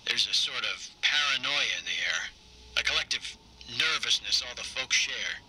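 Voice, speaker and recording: A man's voice: mid-range voice, expressive, heavy background noise, close to an everyday voice. An actor playing a wry, observant man musing in a scripted video game audio log. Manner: wry, musing, measured wording.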